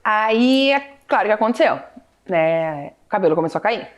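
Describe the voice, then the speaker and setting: Woman, adult daughter, calm reflective chat, mid pitch. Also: normal speed, slight background noise. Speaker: daughter sharing family story. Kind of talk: conversational reflection.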